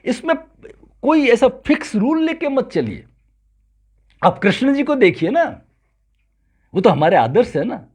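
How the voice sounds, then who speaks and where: Yoga teacher from Rajasthan, male, animated lecturer with a lively pitch who recites scripture. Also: unhurried, long pauses, husky. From Rajasthan, India. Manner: animated, recites Sanskrit verses. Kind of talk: spiritual lecture.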